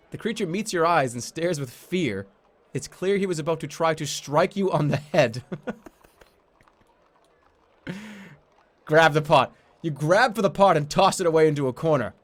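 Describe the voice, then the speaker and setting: A man streaming a game, reading the story text aloud as narration and dropping informal, offhand commentary. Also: a little high. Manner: informal, switches between dramatic reading and offhand asides.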